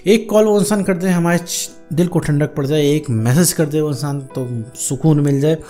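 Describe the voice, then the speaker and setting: A man's voice: a little high, normal speed, warm tone, soft background music. A man hosting a relationship advice video, speaking informally and directly to the viewer, often calling them "my friend" and repeating his points for emphasis. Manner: repetitive, emphatic phrasing. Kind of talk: direct-address advice talk.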